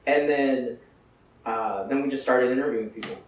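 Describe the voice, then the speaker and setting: A mid-range voice at normal speed belongs to a young man from Houston, United States. He's a podcast guest in a casual interview, talking in a laid-back way with slang and plenty of fillers. Faint noise and room echo are present, and he's far from the mic.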